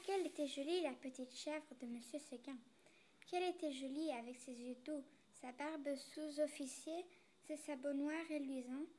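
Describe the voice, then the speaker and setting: A woman's voice: high-pitched, darkish tone, a little hiss or hum. A woman reading a storybook aloud with an admiring, lilting delivery.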